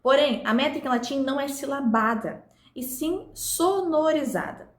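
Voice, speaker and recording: A literature teacher, a woman with a high, animated voice, teaches a recorded lesson to her viewers at normal speed. She explains things step by step and addresses them directly, and the recording has a roomy sound.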